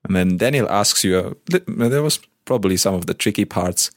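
Brief: male teacher, low voice, plain grammar explanations, dry close sound. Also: lively intonation, normal speed, no room sound. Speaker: language teacher. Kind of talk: casual lesson talk.

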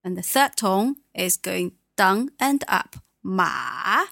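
A woman teaches a language lesson, speaking slowly and patiently as she models each sound clearly. The recording is dry and close. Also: mid-range voice, a bit bright, dry recording.

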